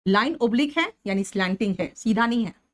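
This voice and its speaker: A woman's voice: a little high, animated, brisk. A woman teacher with an Indian English accent explaining vocabulary for an exam-prep class, often checking in with her students.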